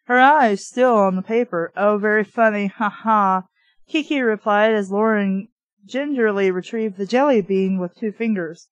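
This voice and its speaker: An amateur book reviewer, a woman with a medium-pitched voice and moderate pace, reads a novel aloud and breaks off for frank, informal asides with mild swearing. The recording has no room sound and its highs are cut off.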